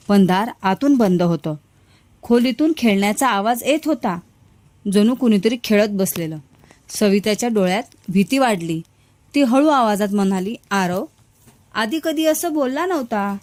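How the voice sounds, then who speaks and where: A woman storyteller narrating a family ghost story at a measured, dramatic pace. Her voice sits in a middle range. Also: medium pitch, lively intonation, darkish tone.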